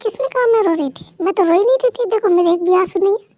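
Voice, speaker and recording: A pouty young wife who sulks and whines through her tears, as a woman puts her on for a fan dub. The voice sits very high and sounds dry and close, with no room around it. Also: fast talker, a little mellow, dry recording, low-quality recording. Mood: flustered. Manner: whiny, sulky and tearful.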